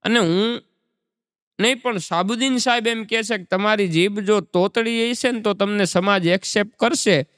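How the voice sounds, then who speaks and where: A man's voice: high-pitched, moderate pace, a bit bright, clean tone, no echo, studio quality, big-room sound. A man, doing folk stand-up comedy and telling chatty anecdotes. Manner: chatty, anecdotal, recites verse. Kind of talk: Gujarati folk stand-up storytelling.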